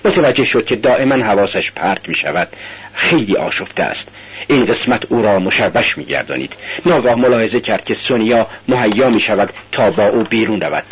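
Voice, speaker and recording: Male narrator for a literary radio reading; husky, measured and grave, dull lo-fi sound. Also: lowish voice, animated.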